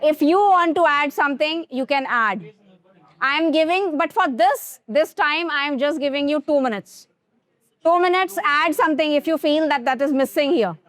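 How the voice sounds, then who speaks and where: A woman's voice: sits high, drawn-out words. A woman with an Indian accent teaching a grooming workshop to students in a classroom, switching between Hindi and English and addressing them directly.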